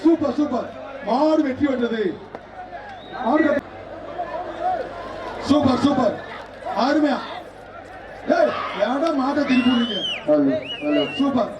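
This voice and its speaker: A man announcing an outdoor event through a loudspeaker, shouting and repeating short calls in live commentary. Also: very high-pitched, takes it slowly, pauses often. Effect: through a loudspeaker system. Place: outdoor bull-taming arena. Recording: echoey, distant, dull loudspeaker sound. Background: loud cheering crowd and noise.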